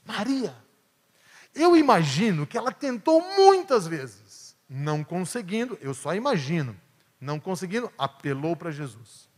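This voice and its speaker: A male pastor from Brazil preaching a sermon, swinging between emphatic peaks and hushed asides. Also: high voice, big pitch swings, moderate pace. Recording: long church hall reverb.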